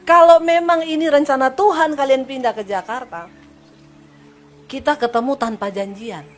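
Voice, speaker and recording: A woman's voice: sits high, moderate pace, soft background music. A woman preacher telling a personal testimony to her congregation, acting out the dialogue and calling the listeners "saudara". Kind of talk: sermon testimony.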